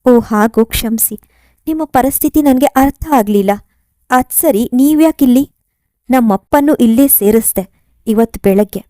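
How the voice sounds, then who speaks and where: A woman voicing a kind young woman in a storybook reading, speaking gently and reassuringly. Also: on the high side, moderate pace, no room sound, natural voice. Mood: sympathetic.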